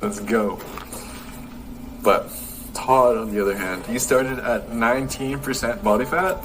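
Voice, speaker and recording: A man's voice: medium pitch, unhurried, fairly bright tone, slight background noise. A man presenting fitness experiment results and narrating, announcing the figures plainly. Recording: video played with music underneath.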